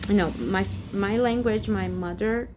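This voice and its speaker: A Brazilian woman in her forties speaks English with a Brazilian Portuguese accent in a rambling personal vlog recorded indoors at home. Her mid-range voice is halting as she hesitantly searches for words, with background noise present.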